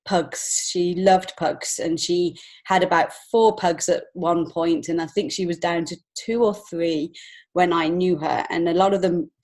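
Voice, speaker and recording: As a podcast guest, this children's author and illustrator from England talks earnestly and reflectively in a conversational interview, with an English accent. She speaks unhurriedly in a low-leaning, darkish voice with a steady tone.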